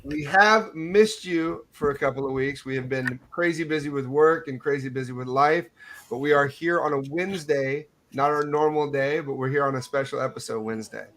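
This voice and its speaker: A man's voice: medium pitch, normal speed, noisy background. A man in his late thirties hosts a podcast in chatty, casual talk over a video call. He pokes fun at himself and laughs easily as he rambles along. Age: 30s. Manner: chatty, self-deprecating, laughs often. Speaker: podcast host. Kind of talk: casual chat.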